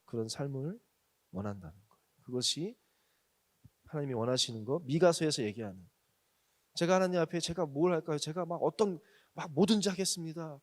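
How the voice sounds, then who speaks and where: A male pastor preaching to a young adults group, telling stories with acted quotes. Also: on the high side. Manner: storytelling testimony with acted quotes.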